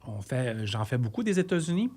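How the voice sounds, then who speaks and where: A man's voice: medium pitch, big pitch swings, fairly quick, mellow. Québécois man in his forties, earnest. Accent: Québécois French. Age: 40s. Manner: earnest, rambling with restarts. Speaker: trucker podcast co-host. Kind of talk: casual podcast discussion.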